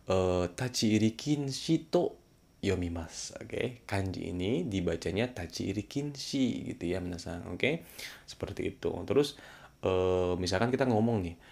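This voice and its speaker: A man teaching a casual language lesson, playful, jumping his voice up to act out rough commands and trailing off softly at phrase ends. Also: low voice, animated, moderate pace.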